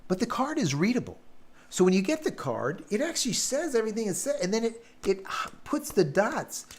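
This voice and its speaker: A man hosting a live stream in casual chat, blunt and quick to swear, his throat sore and worn after hours of talking. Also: high voice, very animated. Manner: blunt, ranting, swears freely.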